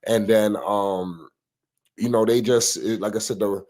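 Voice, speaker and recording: A man's voice: fairly low pitch, steady tone, a little slow, a little mellow. A man giving casual, opinionated wrestling commentary in a rambling, conversational way, dropping in frequent "you know" asides.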